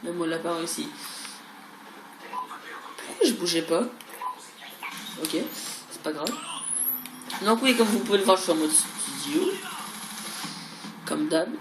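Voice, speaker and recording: A woman's voice: lowish voice, lively intonation, measured pace, pauses often. Echoey, noisy gaming commentary from a woman. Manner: rambling, stammers and repeats words; mild crude swearing. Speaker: gaming video creator. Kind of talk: casual gameplay commentary. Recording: roomy echo, clearly noisy background.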